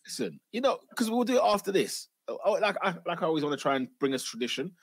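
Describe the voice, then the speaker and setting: Higher-pitched London man hosting casual banter. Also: big pitch swings, quick pace, no room sound. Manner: slangy, repeats phrases for emphasis. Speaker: podcast host.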